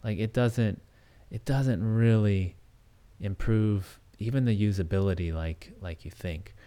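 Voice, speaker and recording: A man with English as his first language hosts a solo podcast, working through ideas thoughtfully and hesitantly with many restarts and fillers. His voice is on the low side, mellow, and a little slow.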